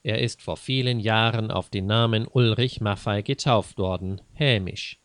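A man narrating a story in a measured, deliberate reading. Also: lowish voice, clean tone, dry recording.

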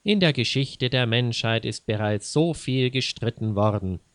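A man voicing a calm, reasonable young woman who admonishes the others in a read-aloud story. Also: medium pitch, a little slow, no room sound. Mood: firm.

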